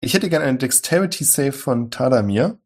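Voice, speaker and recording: A man leads a tabletop role-playing session as game master, describing scenes and rulings in a calm, explanatory way. His voice has a husky, slightly breathy edge. Dry humor slips into his narration. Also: medium pitch, fairly quick.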